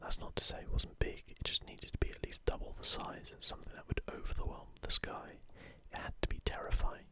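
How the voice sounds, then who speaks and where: A man who makes gaming ASMR videos whispers breathily and softly, never rushing. The unvoiced whisper carries relaxed, gentle commentary, along with passages read aloud.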